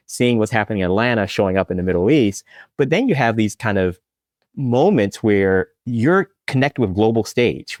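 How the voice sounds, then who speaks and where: A middle-aged man hosts a podcast in a low voice. He asks long, winding questions and keeps up steady "right" and "mm-hmm" replies. The recording is dry and close. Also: dry recording. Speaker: podcast host, association CEO. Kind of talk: interview questions.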